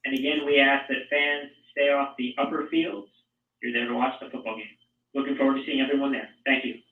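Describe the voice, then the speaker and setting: A man making a formal school announcement over the intercom loudspeaker, heard from a distance in the school building. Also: mid-range voice, little pitch movement, brisk. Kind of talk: public announcement. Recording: echoey, distant, tinny loudspeaker.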